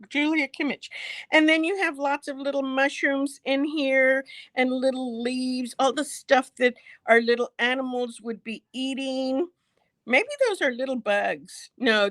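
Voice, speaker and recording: Middle-aged woman, store host, fairly high voice; chatty, giggly, gushing delivery. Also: a bit bright. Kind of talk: casual live product show.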